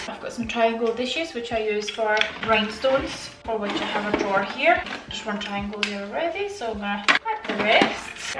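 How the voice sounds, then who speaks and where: There's background noise as an Estonian vlogger and nail technician speaks in a mid-range voice. Tidying up, she gives a casual, chatty voice-over, addressing herself and her viewers playfully in home-vlog style.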